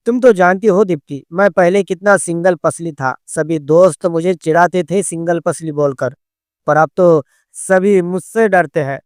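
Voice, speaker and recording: A man's voice: high-pitched, moderate pace, clean tone, no echo, clean studio sound, close to an everyday voice. A man voicing a boastful young male cousin with a hero-like swagger, from a storybook narration.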